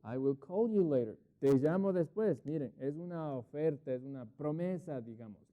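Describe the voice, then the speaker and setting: Spanish-speaking teacher over a thin phone-like line. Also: male voice, fairly high pitch, lively intonation, normal speed, warm tone. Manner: patient explaining, asks rhetorical questions, drops to writing pace on English examples. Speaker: English teacher. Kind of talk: online class explanation.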